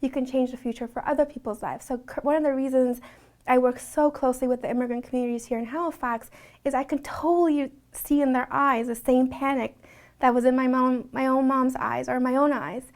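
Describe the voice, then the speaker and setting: A woman's voice: high-pitched, steady tone, fairly quick. A woman speaking earnestly in a reflective documentary interview, talking conversationally with frequent restarts.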